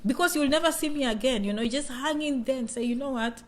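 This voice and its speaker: A fast-talking woman with a high voice and a Kenyan accent chats on a livestream, with a little hiss or hum in the audio. As a vlogger she reads comments and repeats herself, peppering everything with "you know?" and "okay?"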